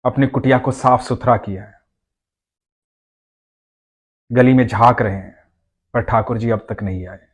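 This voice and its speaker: A man narrating a devotional story in a gentle, unhurried, soft-spoken way. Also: mid-range voice, husky.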